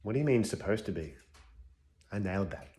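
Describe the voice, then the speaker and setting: Playing a scruffy bearded know-it-all on compassion, a man lectures confidently through a list of studies in a school chapel comedy sketch, with a cocky air. His voice is pushed down a little, lowish and dark, expressive and brisk, though close to his everyday sound.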